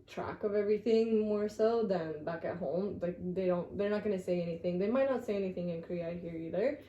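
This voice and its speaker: A young woman from Sweden, a guest in casual conversation, relaxed and agreeable with many fillers. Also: medium pitch, brisk, echoey room, lo-fi sound, slight background noise. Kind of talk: casual chat.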